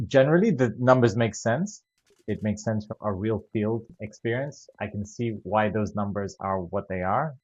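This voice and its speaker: A low-voiced man from Zambia answers as an interview guest in a calm, explanatory way. The sound is dry and a little dull, like remote call audio. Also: no echo. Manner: measured, explanatory, some repeated starts. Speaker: wildlife photographer guest.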